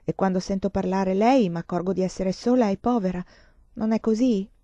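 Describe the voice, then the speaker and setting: A woman's voice: medium pitch, moderate pace, dark tone, no echo, lo-fi sound, lightly acted. A woman reading the lines of a serious, thoughtful young female student in an earnest, reflective way.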